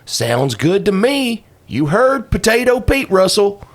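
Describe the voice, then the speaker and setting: A man acts out an oddball frontier lawman in a tabletop western. He is folksy and menacing, with a fairly high voice that swings up and down as he swaggers. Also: very animated, slow, heavily acted. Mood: scheming. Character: eccentric menacing Old West lawman who consults a potato.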